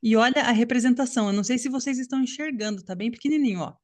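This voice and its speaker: A woman's voice: fairly high pitch, rapid-fire. A woman English teacher giving a live online class on a video call, explaining patiently and checking often that students follow.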